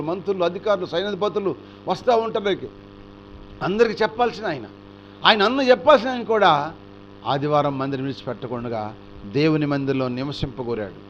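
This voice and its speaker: A male pastor preaching a storytelling sermon, animated and asking the congregation rhetorical questions. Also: sits high, dull audio, slight background noise.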